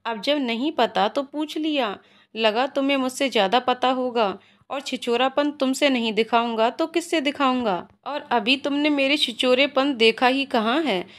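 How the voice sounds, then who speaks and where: A playful young husband teases his wife in a quiet, lowered voice, as a woman storyteller reads him. He sounds relaxed and amused, with a gently mocking manner. The pitch still sits a little high. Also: moderate pace, natural voice. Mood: teasing.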